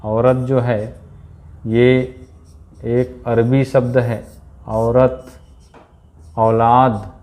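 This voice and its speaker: A man's voice: medium pitch, level tone, extremely slow, pauses often, a little mellow. A man teaching an exam-prep lesson, repeating key words and checking in often with his students.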